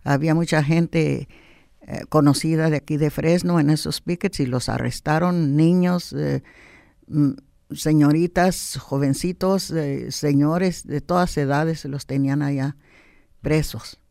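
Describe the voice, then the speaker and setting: A male radio guest telling of past arrests haltingly, with many fillers. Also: fairly high pitch, fairly even intonation, gravelly, a little mellow, no echo, clean studio sound. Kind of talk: recounting past events.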